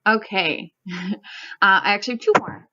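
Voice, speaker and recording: A woman's voice: mid-range voice, moderate pace, pushed and bright. Rambling young woman, slightly muffled. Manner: rambling, filler-heavy, peppered with "like" and "um". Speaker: knitting vlogger. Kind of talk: casual chat. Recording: slightly dull home recording.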